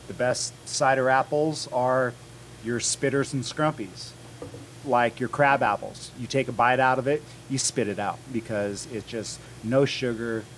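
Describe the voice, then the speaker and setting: A man's voice: medium pitch, fairly even intonation, unhurried, a bit bright, a little hiss or hum. A man guesting on a live pub radio show as a cider maker, explaining his craft in a matter-of-fact way with plain comparisons. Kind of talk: casual interview explanation.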